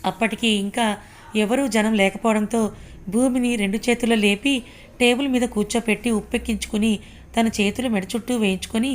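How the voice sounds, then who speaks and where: A woman narrating a serialized audio story in a calm, even way. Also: on the high side, fairly quick. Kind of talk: scripted narration.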